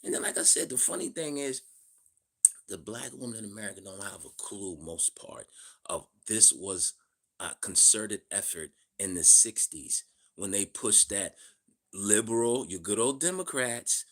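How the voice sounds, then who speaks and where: Gravelly, husky man in his fifties, ranting. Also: lowish voice, measured pace, fairly bright tone. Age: 50s. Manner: blunt, profane, preachy rant; greets viewers in the chat. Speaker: livestream host. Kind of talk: livestream monologue.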